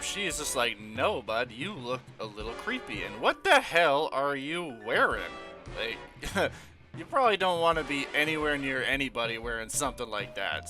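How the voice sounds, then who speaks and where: A young man casually commentating a game, laid-back and slangy, laughing now and then. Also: medium pitch. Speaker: gaming channel host.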